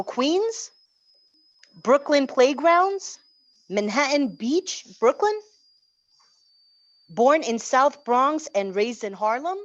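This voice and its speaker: A woman leading an orientation, reading a collective list poem aloud in a measured way, pausing between items. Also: high-pitched. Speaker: orientation organizer. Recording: dull lo-fi call audio.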